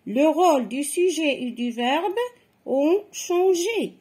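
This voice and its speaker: A woman's voice: high-pitched, expressive, takes it slowly, a little mellow. A woman teaching a grammar lesson to children, explaining patiently and step by step. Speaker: French teacher.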